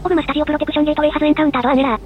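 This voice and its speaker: A woman's voice: high voice, steady tone, narrow, tinny audio. A machine woman's voice that glitches, stuttering and repeating clipped words as it reads out game menus. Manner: clipped rapid-fire reading of menu words. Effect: glitching, stuttering robotic error voice. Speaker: screen-reader voice reading game menus. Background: game music.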